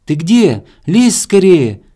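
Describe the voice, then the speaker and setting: Мужчина озвучивает в сказке маленькую нетерпеливую белку, которая пронзительно и настойчиво окликает друга. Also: male voice, lively intonation, brisk, a bit bright. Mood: urging. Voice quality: shrill, urgent calling. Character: bossy excitable little female squirrel.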